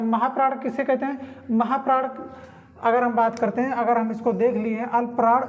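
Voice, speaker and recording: A woman teaching Hindi grammar, explaining consonant types and slowly sounding out syllables to demonstrate them. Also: sits high, darkish tone. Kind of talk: classroom-style lesson explaining consonants.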